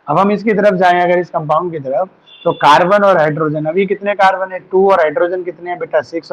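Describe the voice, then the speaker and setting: A man teaching a chemistry class online, patiently talking students through formulas and mixing in English terms. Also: sits high. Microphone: online class setup. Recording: dull lo-fi sound.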